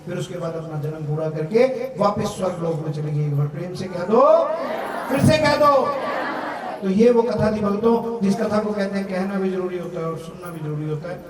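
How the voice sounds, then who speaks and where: High-voiced man telling a devotional tale. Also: fast. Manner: dramatic call-and-response storytelling, urging the crowd to chant. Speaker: jagran storyteller. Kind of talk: devotional story narration at a night vigil. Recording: echoey hall, distant mic.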